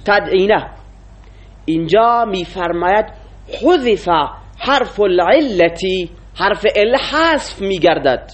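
Guy teaching a class, high voice, keeps asking students questions. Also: lively intonation. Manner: explains in Persian, quizzing students with questions. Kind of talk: classroom lecture.

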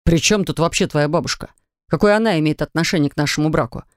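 A woman voicing a troubled husband, an investigator, who speaks in a soft, coaxing and pained way. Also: deep voice, quick pace, dry recording, studio quality, close to an everyday voice. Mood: indignant. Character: troubled husband, an investigator, gentle but wounded.

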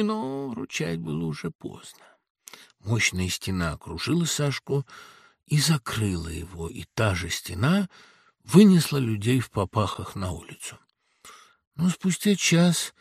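A man reading a literary audiobook in a recording studio, with dramatic, expressive storytelling. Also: mid-range voice, vocal fry, breathy edge, no echo. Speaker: audiobook reader. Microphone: studio mic.

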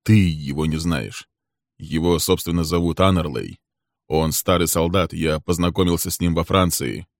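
A man voicing a calm, cold man with a dark secret, speaking slowly and evenly. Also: sits low, creaky, dry recording, clean studio sound.

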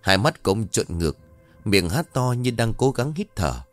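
Male storyteller, low and lively, ghost story narration over faint music. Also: moderate pace.

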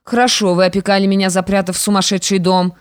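A woman's voice: mid-range voice, flat delivery, fast, no room sound, clean studio sound, close to an everyday voice. A woman voicing a defiant young stepdaughter in an audiobook, firm and reproachful. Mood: indignant. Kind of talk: audiobook character reading.

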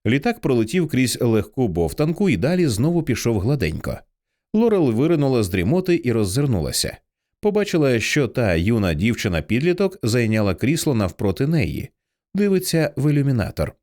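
A man narrating an audiobook in an expressive storytelling way. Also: mid-range voice, fairly quick.

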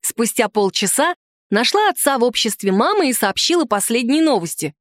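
Audiobook narrator, woman: lively, animated reading, dry booth sound. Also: normal speed, no echo. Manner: lively, performs quoted lines with rising pitch.

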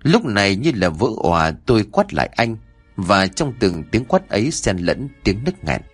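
Brief: male horror narrator, husky, animated pitch, faint music behind. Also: normal speed. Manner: dramatic storytelling.

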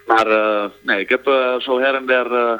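A man calls in to a radio show as a singer and talks about his music. He speaks at a middle pitch, hesitantly, with many filler sounds and restarts. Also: steady tone, moderate pace, sharp tone, smooth, poor audio.

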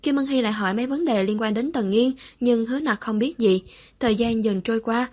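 Woman reading a serial romance story on her channel, bit high voice, smooth even telling. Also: fairly quick. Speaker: audiobook narrator, channel host.

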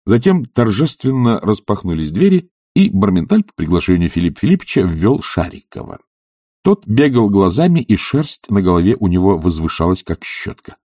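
A man narrating an audiobook in an expressive, dramatic manner. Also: fairly low pitch, moderate pace, no room sound, clean studio sound.

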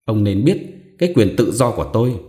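A man's voice: fairly low pitch, big pitch swings, brisk, warm tone. A man voicing a scornful defiant young wife. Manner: mocking, scornful, bold. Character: sharp-tongued defiant young mistress wife.

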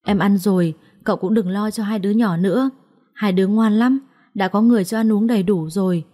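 A woman voicing an anxious, devoted young wife in a storybook reading, speaking softly and politely. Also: medium pitch, brisk, lightly acted. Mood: worried, caring. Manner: soft, pleading, polite.

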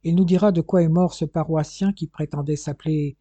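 A reader voicing a stern middle-aged male police chief who gives curt, brisk orders, in audiobook dialogue. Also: mid-range voice, fairly even intonation, warm tone, no echo, close to an everyday voice.

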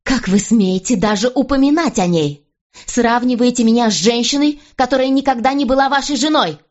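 A furious, proud young queen, put on by a woman reading aloud, her voice pushed high and shrill as she makes her demands. The audiobook recording sounds dull and lo-fi. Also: a little fast, darkish tone, lightly acted.

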